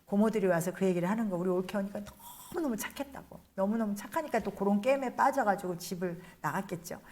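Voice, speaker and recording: A woman's voice: mid-range voice, fast, a little mellow. Nun lecturing, chatty storyteller voice, slips into the voices of people she quotes. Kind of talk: spiritual lecture told as a personal story.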